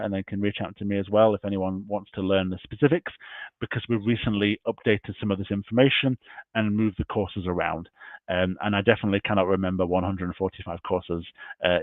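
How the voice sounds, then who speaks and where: The speaker is a man with a fairly low pitch who is hoarse and fading as he covers university admissions in an online session, taking each slide point by point. His voice has no echo, carried over dry, tinny call audio.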